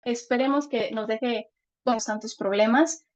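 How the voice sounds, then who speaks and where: A woman's voice: fairly high pitch, measured pace, lo-fi sound. A woman giving an online class lecture over a video call, her audio choppy and cutting out as she explains and keeps checking whether she can be heard.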